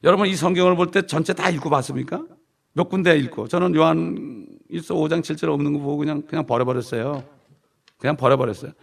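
Man, pastor, sermon, gravelly voice, emphatic, slow drawn-out phrases, distant mic. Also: a little high. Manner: emphatic, repeating English phrases slowly. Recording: distant gravelly room recording.

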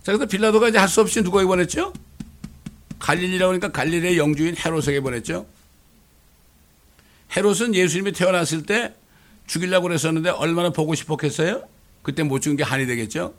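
Male pastor, sermon, fairly high voice, animated with rhetorical questions. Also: fast talker, pauses often.

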